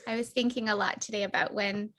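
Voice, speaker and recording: A woman's voice: mid-range voice, steady tone, quick pace, a bit bright. A woman, a publisher co-hosting a book launch over a video call, speaking with emotion and gushing thanks. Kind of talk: casual heartfelt remarks.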